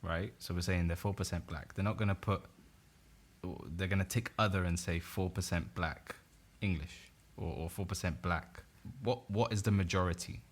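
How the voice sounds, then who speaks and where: A man's voice: low voice, steady tone, normal speed. A young man co-hosting a podcast, arguing his point insistently in a casual debate. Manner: insistent, repeats no over and over. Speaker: podcast co-host.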